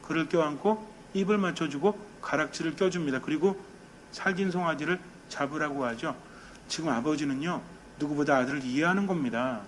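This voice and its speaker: Lively Korean priest preaching a homily. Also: male voice, high-pitched. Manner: lively and conversational, questions the congregation, mimics quarrels; drops to a soft, quiet tone for meditation. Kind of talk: sermon.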